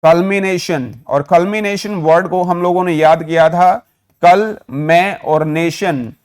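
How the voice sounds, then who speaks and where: A man with an Indian accent teaching a vocabulary lesson, mixing Hindi and English. He keeps firing quick questions at the class and answering them himself. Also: high-pitched, darkish tone, smooth.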